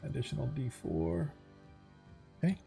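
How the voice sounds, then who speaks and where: A man's voice: mid-range voice, big pitch swings, measured pace, vocal fry, over music. A man casually running an online tabletop roleplaying game as its game master.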